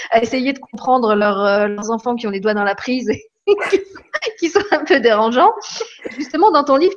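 A woman's voice: fairly high pitch, highs cut off. A woman hosting a live online chat, talking casually with many restarts and repeated words. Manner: hesitant, repeats words, laughs often. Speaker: host of a live meditation broadcast.

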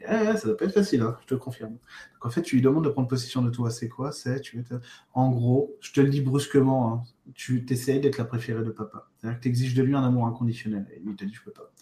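Man, relaxed livestream coach; loose, direct, lots of fillers; roomy echoing home room. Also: mid-range voice, fast. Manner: spontaneous, thinks aloud with many fillers and restarts; direct, addresses the viewer as tu. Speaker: spiritual coach answering viewer questions. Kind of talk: casual livestream Q&A. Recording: roomy echo.

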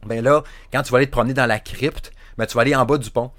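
A man's voice: medium pitch, very fast, dry recording. Chatty Quebec man, dry close sound. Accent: Quebec French, Saguenay. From Saguenay, Quebec. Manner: animated, rambling, stacks up fillers and restarts. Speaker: podcast co-host, game reviewer. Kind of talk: casual chat.

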